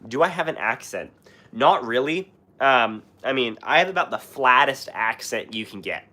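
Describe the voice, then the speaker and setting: Sick and coughing, clearing his throat as he goes, a young man from Washington State hosts a livestream and answers viewers in casual chat. His West Coast voice is medium-pitched, animated, pushed and bright at a moderate pace, full of fillers and restarts.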